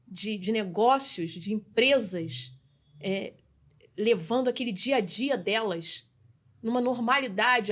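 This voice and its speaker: A middle-aged woman from Brazil, a customer experience mentor, telling her story as a podcast guest in an animated way, often restarting phrases and adding tag questions. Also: medium pitch. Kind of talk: conversational interview storytelling.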